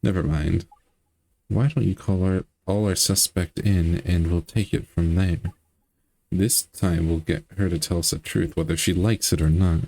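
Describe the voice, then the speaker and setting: A man with a very deep, low voice hosting a casual let's play. He comments wryly on the game and jokes as he goes. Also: steady tone, moderate pace, creaky, mellow. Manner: joking, wry.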